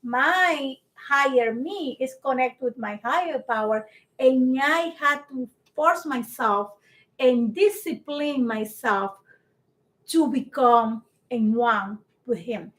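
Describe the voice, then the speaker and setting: A podcast co-host with a high, fairly bright voice argues earnestly and emphatically in a casual chat held in English, which isn't her first language. Her non-native English is halting, with many restarts. The recording quality is low.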